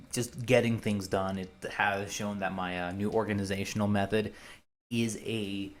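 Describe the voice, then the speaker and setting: Thinking aloud on his solo podcast, a young man with a lowish voice rambles in a relaxed, hesitant way, full of pauses and false starts.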